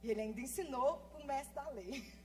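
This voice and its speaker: A woman in her thirties, a pastor, preaching a sermon fast and with lively swings between soft asides and loud emphasis. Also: high voice, slight background noise. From Brazil. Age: 30s. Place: church.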